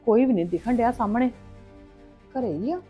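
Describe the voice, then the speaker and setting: A woman's voice: a little high, brisk, muffled recording, faint music behind. Advising woman in a family drama. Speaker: visiting sister in a family web drama. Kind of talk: scripted family drama dialogue.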